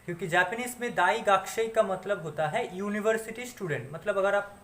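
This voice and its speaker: A man from India teaching Japanese phrases in a spoken lesson, with a slow, careful delivery of model phrases between quicker explanations. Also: high voice, a bit bright, echoey room. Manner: fillers and restarts while explaining.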